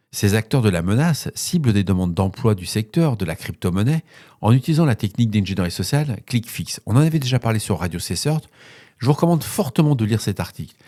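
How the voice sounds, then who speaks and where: A man with a low, mellow voice hosts a cybersecurity news podcast. He reads the bulletins, then drifts into relaxed off-script remarks full of fillers. The recording is dry and close. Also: dry recording. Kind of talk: news bulletin with casual asides.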